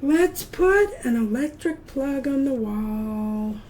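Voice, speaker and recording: A woman's voice: high-pitched, animated, slow, darkish tone, slight background noise, poor audio. A middle-aged woman giving a patient, encouraging step-by-step drawing lesson to children, counting aloud and sometimes dropping to a whisper. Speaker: art teacher.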